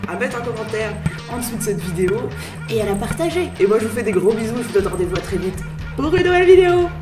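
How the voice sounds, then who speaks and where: Excitable woman in an echoey room. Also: a little high, quick pace, music in the background. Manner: excitable, swears and laughs a lot. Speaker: YouTuber host. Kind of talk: casual reaction commentary.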